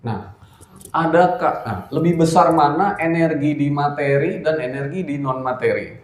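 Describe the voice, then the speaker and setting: A man giving a casual religious talk in an indoor study hall, joking and blunt, slowing down to stress his points. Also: on the high side. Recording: roomy hall, faint ambience.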